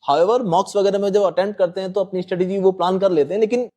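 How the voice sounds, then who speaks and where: A quant teacher with a high-sitting, mellow voice patiently explains maths exam strategy in a panel discussion. He politely addresses the host as sir.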